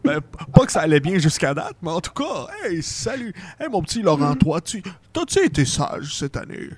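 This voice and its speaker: A man's voice: fairly high pitch, sing-song, moderate pace, breathy edge, no echo. A man doing a bouncy Quebec Santa Claus. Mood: jolly. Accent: Québécois French. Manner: hearty ho-ho laughs, playful teasing. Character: jolly old Santa Claus, boisterous and teasing.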